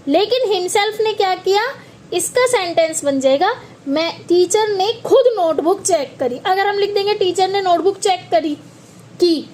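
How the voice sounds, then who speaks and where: High-pitched woman teaching slowly. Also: darkish tone. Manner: patient, repeats points, checks understanding. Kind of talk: grammar lesson in Hindi and English.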